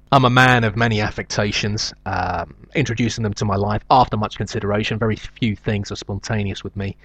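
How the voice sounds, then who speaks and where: A man's voice: lowish voice, fairly bright tone, no echo. Middle-aged man, nasal South London accent. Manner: hesitant, deliberate, self-deprecating. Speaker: show host. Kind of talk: rambling comic monologue.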